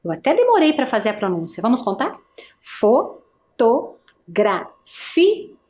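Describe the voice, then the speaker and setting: A woman teacher with a Brazilian Portuguese accent giving an adult education video lesson, explaining slowly and patiently and asking the learner encouraging questions. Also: a little high, wildly swooping pitch, warm tone. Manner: slow, patient, syllable-by-syllable explanation.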